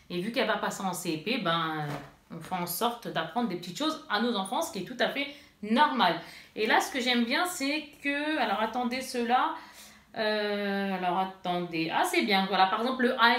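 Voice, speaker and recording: A woman's voice: on the high side, a bit bright. A mother chatting casually through an unboxing vlog in her bedroom, rambling and talking straight to her viewers. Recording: echoey room.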